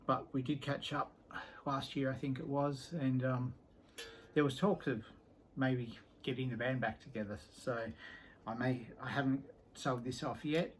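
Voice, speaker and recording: A man's voice: medium pitch, steady tone, measured pace, a little hiss or hum, low-quality recording. A middle-aged man showing his guitar collection in a casual vlog, talking in an easygoing, rambling way full of ums and trailing-off sentences. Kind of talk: casual show-and-tell vlog.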